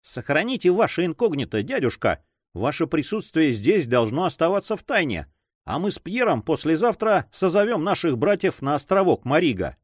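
A man's voice: fairly high pitch, very animated, moderate pace, dry recording, voice pushed up. A man voicing a bold, brash young male adventurer in a read-aloud story, dry close sound. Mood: confident. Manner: brash, self-assured.

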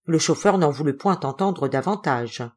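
A woman's voice: low voice, expressive, moderate pace, a little mellow. A woman narrating a novel as an audiobook, telling the story expressively. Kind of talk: audiobook reading.

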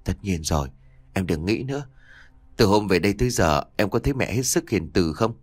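A man voicing a young husband in an audio story, calm and reassuring. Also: low-pitched, brisk, dry recording, voice pushed down. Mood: soothing. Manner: gentle, reassuring.

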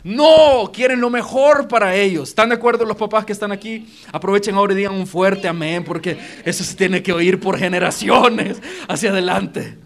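A man's voice: high voice, normal speed, vocal fry, hardly any pauses. A male pastor preaching a sermon in a church auditorium, emphatic and speaking straight to the congregation. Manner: emphatic, addresses congregation directly.

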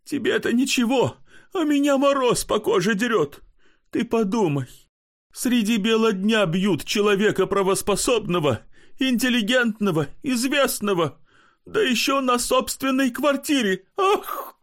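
A man doing a whiny, tearful gentleman. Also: very high-pitched, lively intonation, unhurried, voice pushed up, exaggerated voice. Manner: whining, plaintive. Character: fretful, tearful middle-aged gentleman, timid.

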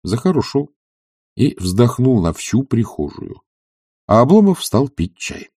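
A man narrating a classic novel as an audiobook, measured and expressive. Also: medium pitch, slightly rough, no echo, studio quality. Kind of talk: literary audiobook reading.

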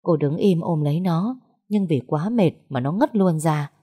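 A woman narrating a sad story in a slow, somber, measured way. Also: low voice, animated, mellow, breathy edge.

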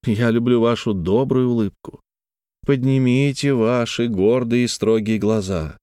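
A man reading the part of a playful, talkative young nobleman in love, with a raised, animated and teasing delivery. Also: mid-range voice, unhurried, smooth, no room sound, studio quality, lightly acted. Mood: playful, ardent.

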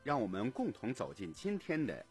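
A man presenting local radio news in a scripted, animated newsreader delivery. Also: medium pitch, moderate pace, vocal fry, over loud music.

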